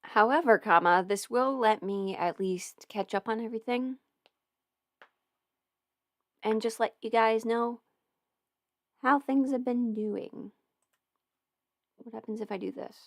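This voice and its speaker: A slightly high-pitched woman, an audio performer, chats casually on a livestream from home, rambling and muttering to herself as she adjusts settings. She's alone in her house, and her studio mic through an audio interface gives a clean studio sound with no echo.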